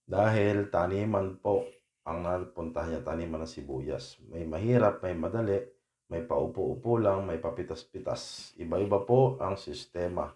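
A man from the Philippines with a very low voice talks casually to his viewers, polite and unhurried, often stopping on "ah" between phrases. His voice bounces around an echoey room. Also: darkish tone. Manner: polite, uses po, hesitant with frequent "ah" fillers. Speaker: vlogger. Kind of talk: casual vlog update to viewers.

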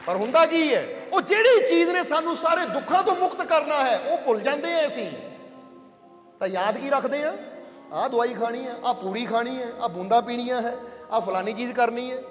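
A man's voice: extremely high pitch, lively intonation, brisk, fairly bright tone. A man preaching a sermon, telling a story and asking his listeners whether they follow. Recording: echoey hall with faint music.

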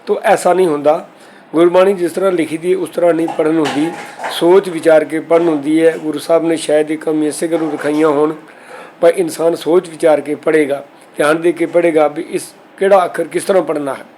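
A man with a somewhat high voice teaches a scriptural text line by line. His explanations are steady and patient, and he slows down when he recites the quoted verses. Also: a little hiss or hum. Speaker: Gurbani teacher. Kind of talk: scriptural exposition lesson.

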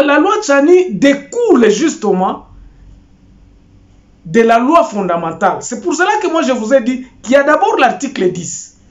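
Older man, animated political commentary. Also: very high voice, lo-fi sound. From Congo (DRC). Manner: animated, gesturing, with many repeats and restarts. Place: small home office, indoors.

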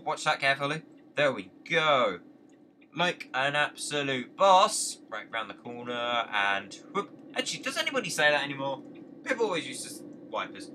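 Young guy doing game commentary, super bright voice, bit far from the mic with faint background hum. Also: a little high. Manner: chatty, playful, talks to himself and other drivers. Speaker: gaming channel host. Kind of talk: casual let's play commentary.

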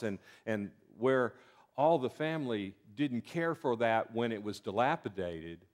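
An older man with a Southern US accent preaching a sermon from a pulpit in a church sanctuary, folksy and earnest, often restarting his words. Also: medium pitch. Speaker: pastor. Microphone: pulpit mic.

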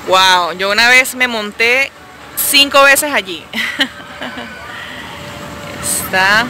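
A young woman vlogging on a phone, excitedly exclaiming and cooing as she films an amusement park and then her pet. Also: fairly high pitch, drawn-out words. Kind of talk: casual vlog narration. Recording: noisy outdoor phone recording.

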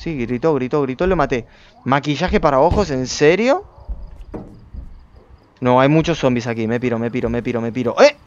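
A man's voice: mid-range voice, moderate pace, long pauses, a little hiss or hum. Streamer guy narrating his survival game, gets worked up, chatty with viewers, kinda muffled lo-fi sound. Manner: excitable, talks to viewers and to himself. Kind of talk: gameplay commentary.

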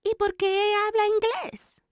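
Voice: very high voice, fairly even intonation, normal speed, dry recording, studio quality. An actor voicing a curious, eager little boy in a children's cartoon dub, with simple, earnest childlike phrasing. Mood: questioning, worried.

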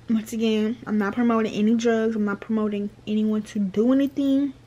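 A woman's voice: a little high, fairly even intonation, moderate pace, darkish tone, muffled recording. A young woman vlogger telling a casual storytime, chatty and slangy, repeating her phrases.

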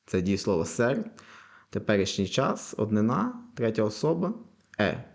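Low-voiced man teaching a language lesson. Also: sing-song, creaky, a little mellow. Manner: repeats example words slowly, patient explaining.

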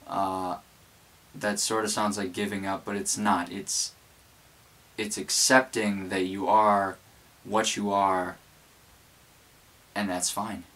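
A man's voice: sits low, flat delivery, takes it slowly, long pauses, fairly bright tone. A young man in his late teens talking reflectively to camera, his mouth held a little stiffly because of a cold sore on his lip. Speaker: vlogger. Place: small cluttered bedroom, indoors. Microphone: camera a few feet away.

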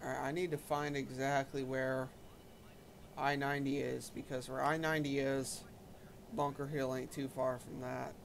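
A man's voice: medium pitch, little pitch movement, moderate pace, vocal fry, noisy background. A man hosting a casual gaming stream, chatting with friends and narrating his flight aloud. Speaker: streamer and host.

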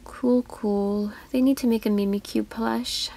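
A woman's voice: a little high, fairly even intonation, a little slow, gravelly, mellow, slight background noise. Gushing woman touring toy aisles. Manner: chatty, easily delighted, gushing over toys. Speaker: toy vlogger. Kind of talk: casual toy-hunt commentary.

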